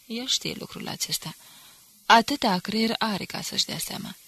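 A woman's voice: a little high, expressive, pushed and bright, slightly rough, no room sound, pitched above the performer's own voice, exaggerated voice. A woman reading the part of a contemptuous, hard-drinking male enemy agent who speaks with cool disdain. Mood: scornful.

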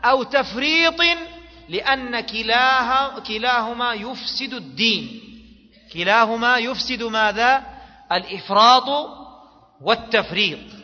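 A man's voice: very high voice, a little slow, sharp tone. A man teaching a class as a religious scholar, posing fill-in questions to his students and repeating key words. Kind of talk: classroom lecture on jurisprudence. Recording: dull lo-fi recording in an echoey hall.

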